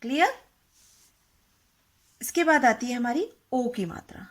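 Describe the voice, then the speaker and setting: Female teacher for young kids, slow and patient, sings up and down through her words, slightly husky. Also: fairly high pitch, animated. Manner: patient, asks questions and repeats words for practice. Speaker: Hindi teacher.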